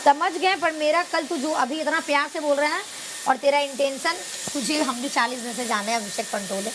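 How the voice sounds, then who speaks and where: A woman's voice: high voice, a little fast, background noise. A woman in a casual heartfelt argument who talks emphatically and insistently, often repeating herself. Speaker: reality show contestant.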